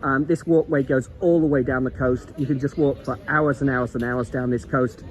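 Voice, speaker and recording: A travel vlogger from England with a Liverpool accent strolls an outdoor seaside promenade, giving a chatty, rambling guide and repeating words. His voice is mid-range with fairly even intonation at normal speed, over soft background music.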